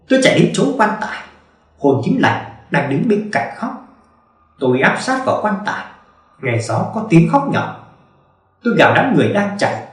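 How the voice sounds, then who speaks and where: A man narrating a ghost story, telling it in an expressive, dramatic way. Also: on the high side. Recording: very echoey room, distant mic.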